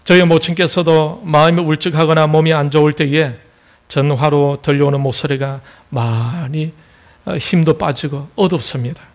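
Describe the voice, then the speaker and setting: A man's voice: a little high, fairly even intonation, moderate pace. A man with a Gyeongsang accent preaching a sermon as pastor, folksy and joking as he tells a story.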